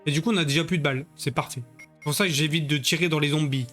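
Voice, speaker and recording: A man's voice: on the high side, steady tone, quick pace, fairly bright tone, soft background music. A man streaming a video game live, chatting with his viewers in crude, joking banter. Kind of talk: live-stream gaming commentary.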